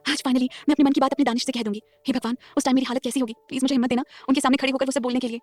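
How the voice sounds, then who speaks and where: A woman playing a spirited young mother heroine, high-voiced and rapid, sharp-tongued with retorts in a romantic audio story. Faint music lies underneath. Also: fairly even intonation, dry recording. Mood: tender. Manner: sharp, annoyed, quick retorts.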